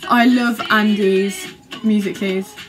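A young adult woman vlogs from a small indoor bedroom, reacting to videos in a gushing, giggly, exclamatory way while their music plays behind her. Her mid-range voice stays steady and a little slow. The recording quality is low.

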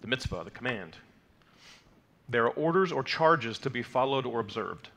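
Expressive and sharp in tone, this gravelly, medium-pitched man speaks at a moderate pace. In his thirties and with a first language other than Hebrew, he teaches the weekly Torah portion to a congregation from a lectern in a mid-size sanctuary, patiently explaining terms with plenty of fillers and "okay?" prompts.

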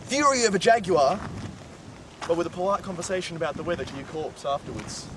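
A man in an amateur comedy sketch, chatting deadpan with a friend outdoors by a road. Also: fairly high pitch, fast talker, lightly acted. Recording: distant outdoor mic, wind noise.

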